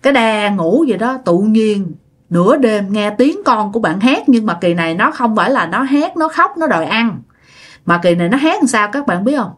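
A woman's voice: medium pitch, expressive, moderate pace. A woman telling a ghost story in a chatty way, talking straight to her listeners. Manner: chatty, addresses the listener directly. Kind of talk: casual ghost-story narration.

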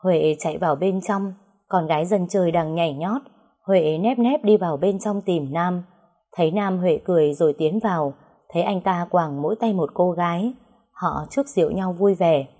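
A woman narrating a story in a brisk, lively reading. Her voice sits low and sounds mellow and warm. She shifts into different voices for the characters. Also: slightly rough.

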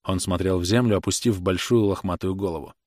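Guy reading an audiobook, steady and dramatic, dry close mic. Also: deep voice, a little fast, no echo. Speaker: audiobook narrator. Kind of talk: scripted audiobook narration.

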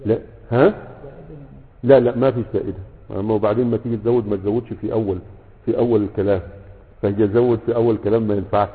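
A man with an Egyptian Arabic accent gives a brisk grammar lecture, talking fast and often breaking off to check that his students follow with quick questions. The sound is tinny and narrow, as if over a phone line, with a long echo around it. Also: fairly low pitch, fairly even intonation. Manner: keeps checking in with rhetorical questions. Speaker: grammar teacher. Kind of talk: lecture with a class.

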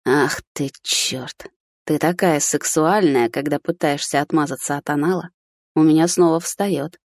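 Lady doing a sly old guy, slow teasing drawl, low husky voice, dry close sound. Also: darkish tone, no room sound. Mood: mocking. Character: sly, mocking older man, unhurried.

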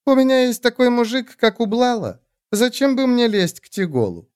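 A man's voice: very high voice, very animated, moderate pace, clear, resonant tone, no echo, clean studio sound, voice pushed up. A man voicing a brazen undead woman ship captain, cheeky and blunt. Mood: mocking.

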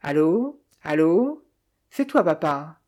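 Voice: mid-range voice, big pitch swings, slow, a little mellow. A reader voicing a young, idle male heir who speaks in an offhand, detached way.

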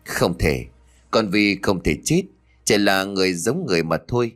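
A man's voice: low-pitched, expressive, moderate pace. Figure: a man doing an anxious guilt-ridden father. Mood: self-soothing. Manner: gruff, pleading under strain.

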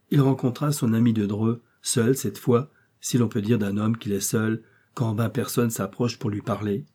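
A man reading a novel aloud as narrator, in a measured storytelling manner. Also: mid-range voice, warm tone, slightly rough. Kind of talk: audiobook reading.

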